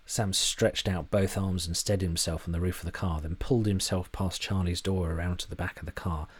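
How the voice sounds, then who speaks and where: A man's voice: low voice, steady tone, brisk, slightly rough. A man narrating a story in a dry, wry manner.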